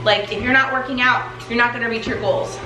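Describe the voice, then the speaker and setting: A woman with a fairly high voice gives a motivational, conversational coaching talk while walking in place for exercise. She is in a very echoey room, with music clearly playing underneath. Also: fairly even intonation, brisk. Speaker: weight loss coach and host. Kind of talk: motivational chat to followers.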